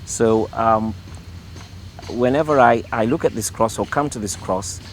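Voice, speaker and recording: A middle-aged Irishman, speaking as a priest, is interviewed at home in a relaxed, conversational way while faint traffic sounds drift in. His voice is rather low and his pace measured, and he's hesitant throughout, often stopping, repeating himself and using plenty of fillers as he searches for words.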